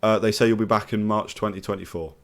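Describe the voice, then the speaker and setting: A male host chats casually with his guest in a very low voice. He is relaxed and easygoing and agrees often. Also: quick pace. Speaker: interviewer, host. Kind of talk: casual interview chat.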